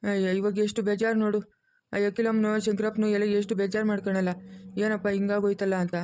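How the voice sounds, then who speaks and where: A man's voice: high-pitched, monotone, fast, a little mellow. An older man with a rural Chikkaballapur Kannada accent, playing a worried grandfather who soothes his family. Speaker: grandfather in a village family drama. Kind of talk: village web-series acting.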